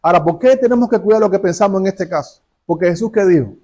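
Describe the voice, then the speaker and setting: A man's voice: high-pitched, fast talker, a little mellow. A male pastor preaching a sermon, telling stories and asking the congregation rhetorical questions.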